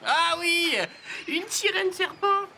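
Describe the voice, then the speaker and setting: Squeaky, curious cartoon kid. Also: female voice, slow pace, gravelly, a little hiss or hum, full character voice. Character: curious, naive little cartoon friend. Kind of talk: animated children's show acting. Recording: loud music over the voice.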